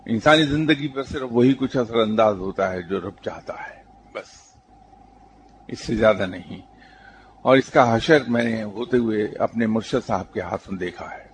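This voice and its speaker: A spiritual teacher answers a question with a religious talk, calmly telling stories at a measured pace and slipping in English terms. His voice is fairly low, and a faint hiss or hum sits in the background.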